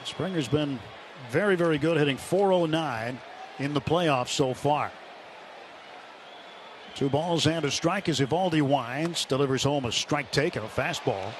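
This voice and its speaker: A man with a slightly high voice delivers radio play-by-play of a live baseball game at a measured pace. Loud crowd noise and the ambience of the stadium come through behind him.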